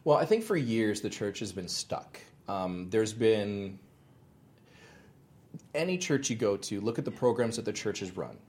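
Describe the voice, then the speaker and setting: A man's voice: on the low side, lively intonation, a little slow, a little mellow. Earnest storytelling man in his thirties. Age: 30s. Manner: earnest, storytelling, frequent restarts and laughs. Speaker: ministry founder, pastor. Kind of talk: interview conversation.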